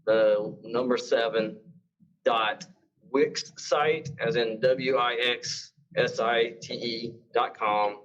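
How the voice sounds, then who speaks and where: A man's voice: medium pitch, steady tone, slow, a bit bright, muffled recording. A man from Mississippi, an author guest, speaking casually and hesitantly, with many uh's. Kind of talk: casual podcast interview.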